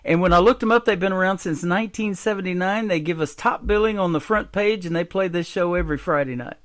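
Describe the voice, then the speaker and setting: A man's voice: high voice, fast, a bit bright. A man hosting a radio interview, talking in a friendly, enthusiastic way. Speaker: radio show host.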